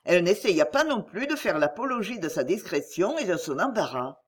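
A woman reading a classic novel aloud as an audiobook narrator, with an expressive, dramatic delivery. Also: lowish voice, normal speed, slightly rough. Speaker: audiobook reader.

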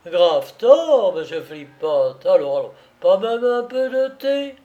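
A smooth-talking gentleman thief, bright-spirited and mockingly courteous, as a man reading a story puts him on. He speaks in a slightly high voice at an unhurried pace. He sounds like a figure in a read-aloud tale. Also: big pitch swings, dull audio, exaggerated voice. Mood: jovial. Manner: cheerful, mocking politeness.

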